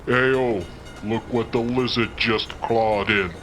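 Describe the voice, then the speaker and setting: A man's voice: medium pitch, fairly even intonation, takes it slowly, a bit bright, a little hiss or hum. A man playing a chummy, dim but friendly street-tough doorman in a noir audio drama, talking in rambling slang. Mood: breezy, teasing. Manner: slangy, rambling wise-guy talk.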